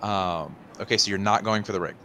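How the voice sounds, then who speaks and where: Forceful, bright-voiced man running a tabletop game. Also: on the low side, fairly quick. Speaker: game master. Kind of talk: narrating a tabletop game, casual. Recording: noisy room recording.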